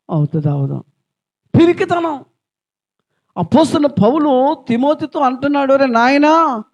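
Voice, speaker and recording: A man with a Telugu accent preaching a sermon as a pastor, firing repeated rhetorical questions and swinging between loud calls and hushed lines. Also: extremely high pitch. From India. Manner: fervent, repetitive rhetorical questions.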